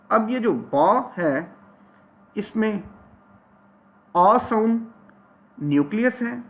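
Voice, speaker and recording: Casual: guy teaching phonetics, reads english bits real slow then explains, kinda high voice. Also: rough recording. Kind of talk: lecture reading English text and explaining.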